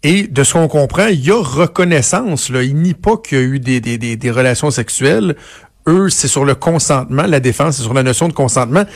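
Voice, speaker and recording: A man's voice: mid-range voice, expressive, fairly quick. Quebec man hosting a news interview. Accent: Quebec French. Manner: conversational, many fillers and restarts while framing questions. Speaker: radio host.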